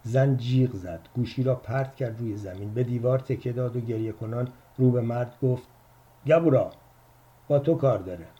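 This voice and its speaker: A male narrator reads a short story in a measured, steady voice. His tone is mellow and warm in color, at a middle pitch. The pacing stays even through the narration. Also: lo-fi sound.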